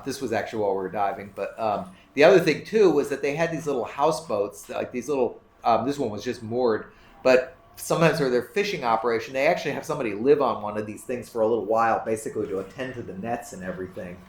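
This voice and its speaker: A man presenting a trip slideshow to a club audience in a casual, rambling way, restarting his sentences often. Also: medium pitch. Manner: rambling, self-correcting, many restarts. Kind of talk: casual slideshow talk to a group. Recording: roomy room echo, faint background noise.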